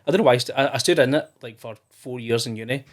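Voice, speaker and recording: Appearing as a podcast guest, a Scottish man in his thirties talks quickly at a medium pitch. The casual interview finds him chatty and meandering, often restarting sentences and leaning on fillers.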